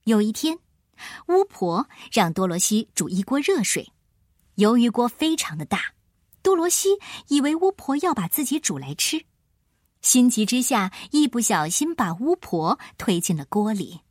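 A woman storyteller giving expressive scripted narration of a children's tale. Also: on the high side, a little slow, dry recording, clean studio sound.

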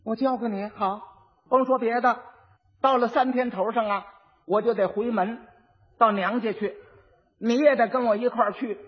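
Brief: sharp young bride coaching her husband, put on by a man, high husky voice. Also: steady tone, moderate pace, long pauses. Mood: instructing. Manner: scolding, instructive. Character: clever exasperated young bride. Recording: dull old archive recording with long reverb.

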